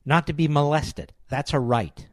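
A man's voice: fairly high pitch, unhurried, no room sound, clean studio sound. An older American man delivering an impassioned political monologue as a talk host, emphatic and sarcastic, with rhetorical questions and repeated phrases.

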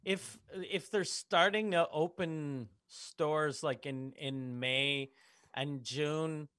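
A man's voice: on the high side, steady tone, extremely slow, a bit bright, dry recording. A man co-hosting a casual comedy podcast, rambling with lots of fillers and restarts. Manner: rambling with many likes and restarts. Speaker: podcast co-host.

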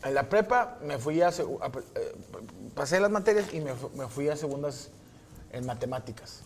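Man, podcast storyteller, casual and profane, acts out other people's lines, a bit high-pitched. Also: moderate pace, a little hiss or hum. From Monterrey, Mexico. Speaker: podcast host.

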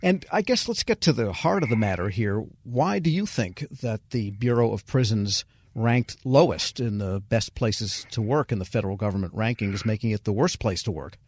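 A man hosting a broadcast interview, asking measured, clarifying questions. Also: fairly low pitch, animated, a little mellow, breathy edge, no room sound. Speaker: radio host, interviewer.

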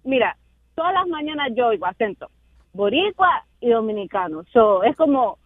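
A woman's voice: fairly high pitch, very animated, moderate pace, no room sound. A woman in her twenties calling in to a radio show, chatty and teasing. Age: 20s. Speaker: caller. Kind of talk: phone call to a radio show. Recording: dull, dry phone line.

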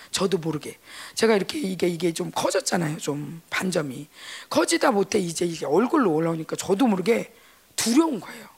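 A middle-aged woman, a pastor's wife, giving a chatty church testimony, animated and laughing as she acts out quoted voices. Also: medium pitch, vocal fry, slightly rough.

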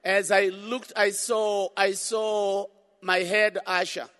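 Guy preaching, high forceful voice, repeats stuff for emphasis, big echoey hall. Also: level tone, slow. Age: middle-aged or older. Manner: emphatic, repeats phrases for effect. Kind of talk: sermon at a conference. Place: large conference hall, speaking to a congregation. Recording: echoing hall with long reverb.

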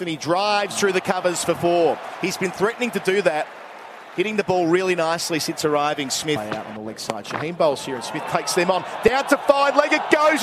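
A man giving live ball-by-ball cricket commentary in clipped phrases that rise to emphatic calls. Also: high-pitched. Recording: live stadium broadcast with crowd and noise.

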